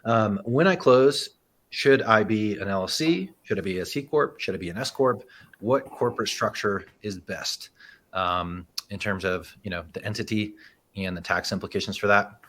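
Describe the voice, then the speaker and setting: A man's voice: lowish voice, normal speed, fairly bright tone. A man in his thirties giving a conversational educational presentation on business, often checking in with the audience with "right?" and loose fillers. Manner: casual, frequent "right?" and "um" asides. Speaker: presenter and accounting firm owner.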